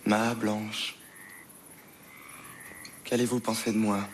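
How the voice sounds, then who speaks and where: A man's voice: fairly low pitch, level tone, takes it slowly, a little hiss or hum. An actor playing a melodramatic young nobleman who speaks grandly and pompously. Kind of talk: film drama acting.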